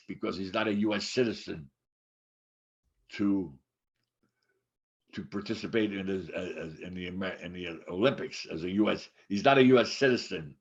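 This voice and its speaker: Older man in his eighties, low-pitched co-host, halting and digressive; dull recording. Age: 80s. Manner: rambling, halting, many restarts and fillers. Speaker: podcast co-host. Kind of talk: casual chat. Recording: dull lo-fi sound.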